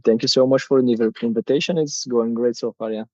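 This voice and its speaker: A Bulgarian-accented man in his thirties speaks hesitant, non-native English with a soft, mellow tone. The sound is dry and a little dull, like a lo-fi recording. His pitch sits in an ordinary middle range. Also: steady tone, fairly quick, no room sound. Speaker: guest, coach. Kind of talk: casual interview talk.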